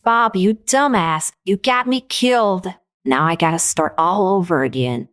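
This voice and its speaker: Brash, impatient woman professor in her forties; low-pitched and blunt, drama. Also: a little slow, no echo, studio quality, heavily acted. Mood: annoyed. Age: 40s. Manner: blunt, impatient, swears casually.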